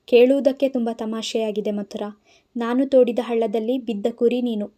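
A woman's voice: a little high, steady tone, normal speed, dark tone, close to an everyday voice. A woman voicing a spiteful, scheming young woman who taunts her rival in a storybook reading. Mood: taunting. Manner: taunting, contemptuous.

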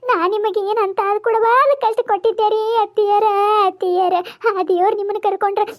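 A woman's voice: very high-pitched, fairly even intonation, brisk. A woman voicing a young cartoon daughter-in-law who fake-wails over her mother-in-law, with a North Karnataka Kannada accent. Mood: loud wailing. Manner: sing-song wailing lament. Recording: muffled lo-fi audio.

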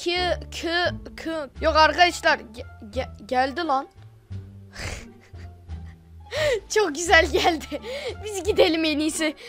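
A woman giving excitable, slangy running commentary while playing a game for her channel. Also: high-pitched, slow pace, long pauses, faint music behind. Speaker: gaming video host. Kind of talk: excited Roblox gameplay commentary.

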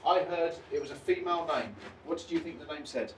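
A man's voice: a little high, a little fast, far from the mic, a little hiss or hum. Man calling out on a ghost hunt. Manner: urgent, calling out to spirits. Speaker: paranormal investigator. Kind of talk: unscripted ghost-hunting chatter.

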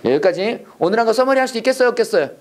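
A man teaching a preachy Bible English lesson to a class, animated and leading call-and-response while mixing English and Korean. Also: extremely high pitch, very fast, slight background noise.

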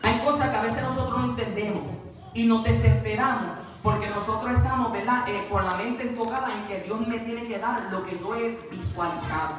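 A man's voice: high-pitched, fairly even intonation, fairly quick, a bit bright. A man preaching a sermon at a youth vigil in a church, fervent, breaking off with repeated praise refrains between points. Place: church sanctuary. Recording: very echoey church from far off, congregation audible.

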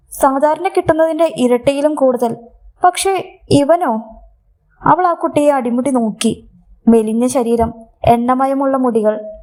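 Woman reading a story out, steady measured delivery, high voice. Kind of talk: scripted story narration.

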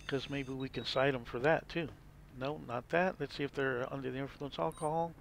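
Man, gravelly voice, casual game commentary, rambling explanations, faint game noise. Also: medium pitch, fairly quick. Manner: relaxed, rambling, explains as he plays. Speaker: gameplay video host.

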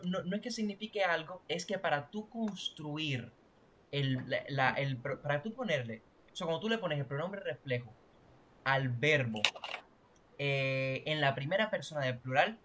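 A man's voice: a little high, lively intonation, normal speed, a bit bright, a little hiss or hum. A man teaching a language class online, explaining grammar and often checking that students follow. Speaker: Portuguese teacher.

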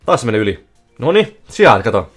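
A man streaming casino slot games live, giving excitable running commentary that bursts into yelling at big wins. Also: mid-range voice, breathy edge. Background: faint music playing.

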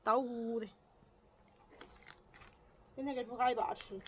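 A woman's voice: on the high side, fairly even intonation, moderate pace, highs cut off. A woman with a Northeastern Chinese accent chatting casually outdoors in an earthy, blunt way. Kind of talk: casual chat. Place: outdoors at a house doorway. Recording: noticeable outdoor background noise.

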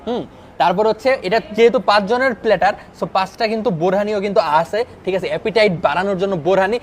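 A young man hosting a food review vlog in a restaurant, talking excitedly and emphatically, often asking "okay?". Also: sits high, racing, slight background noise. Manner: excited, emphatic, keeps asking "ঠিক আছে?". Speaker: food vlogger. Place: restaurant dining room.

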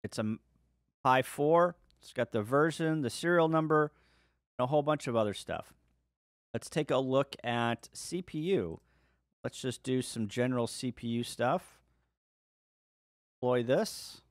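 A man hosting his own channel, talking viewers step by step through a software setup in a relaxed, casual way. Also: mid-range voice, a little slow, pauses often, no echo, clean studio sound. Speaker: ham radio video host. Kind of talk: screen-share software tutorial.

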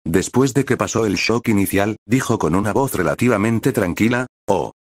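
A man reading a fan-written adventure story aloud at a steady storytelling pace. His voice is very deep, and the recording is dry and close with no room sound. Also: moderate pace, dry recording. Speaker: narrator.

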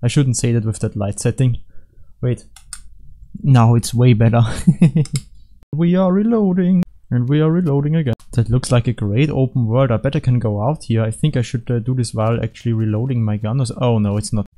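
A man giving rambling, deadpan, joking commentary over video game footage from his computer at home. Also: medium pitch, moderate pace. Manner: deadpan, rambling, jokey asides. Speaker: gaming commentator.

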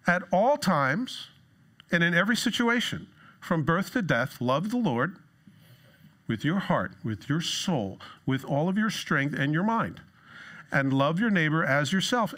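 A middle-aged man preaching from a church stage, lively and sarcastic, jumping into a higher voice when he quotes someone. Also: measured pace. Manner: lively, jumps into a high voice for quoted lines. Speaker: pastor. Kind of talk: sermon.

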